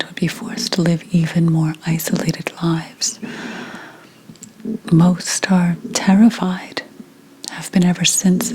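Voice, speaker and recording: In a low-quality recording, a woman plays a reincarnated seventeenth-century witch for an ASMR roleplay, her lowish voice exaggerated and edged with breath. She tells her story in a hushed, deliberate, mournful whisper.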